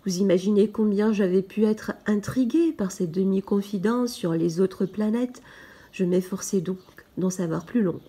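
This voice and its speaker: A woman giving a slow, gentle first-person narration in a soft, partly whispered storybook reading. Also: mid-range voice, breathy edge. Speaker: storybook reader.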